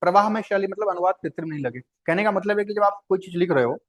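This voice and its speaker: A man's voice: sits high, fast talker. A man teaching a Hindi translation lesson, explaining at length, repeating words, spelling them out, and asking questions that he then answers himself.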